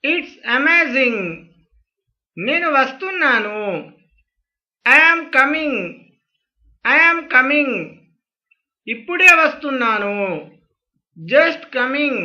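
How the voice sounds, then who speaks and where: Slow, bright voice drilling short phrases. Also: high-pitched, lively intonation, muffled recording. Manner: says each English phrase twice, slowly and clearly. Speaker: spoken English teacher.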